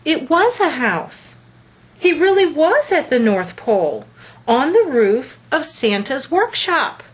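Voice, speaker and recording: A high-voiced woman tells a children's picture book story aloud, her phrasing measured and full of expression.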